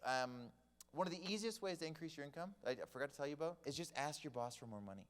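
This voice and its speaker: Animated male storyteller in a reverberant hall. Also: on the high side, very fast, clean tone. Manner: animated storyteller, acts out quoted people. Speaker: church class teacher. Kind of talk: humorous teaching talk to a group. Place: church hall.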